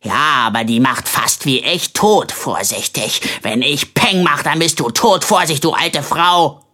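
A reader voicing an impulsive young man with the mind of a small child, in an excitable, childish manner. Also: medium pitch, measured pace. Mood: threatening playfully. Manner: excitable, loud, childish talk. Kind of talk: audiobook character voice.

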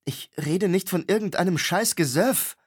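A man's voice: high voice, normal speed, husky, pitched above the performer's own voice. A male audiobook reader voicing a proud young woman who speaks with stiff, forced politeness. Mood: indignant. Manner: stiffly formal, forced calm. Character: young woman, proud, sharp-tongued acolyte.

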